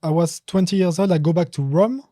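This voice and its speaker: A man in his thirties with a French accent, a French native speaker answering podcast questions in halting, broken English. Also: a little high, warm tone, dry recording, clean studio sound. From France. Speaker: podcast guest, judo fighter. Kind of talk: casual interview chat.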